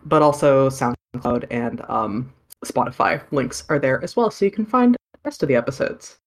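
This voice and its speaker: A podcast co-host speaking in a relaxed, wry, casual way. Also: medium pitch, normal speed.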